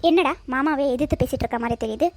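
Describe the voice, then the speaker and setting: A woman's voice: sits high, rapid-fire, darkish tone, voice pushed down. Woman voicing a scolding cartoon mother. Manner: scolding, bossy. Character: middle-aged mother and sister, scolding.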